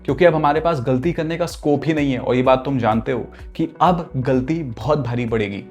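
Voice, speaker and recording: A man's voice: mid-range voice, fairly quick, faint music behind. A young man giving direct, motivational study advice to exam students, slipping English phrases into his talk. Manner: direct, coaching tone, mixes English phrases into Hindi. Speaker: exam prep mentor.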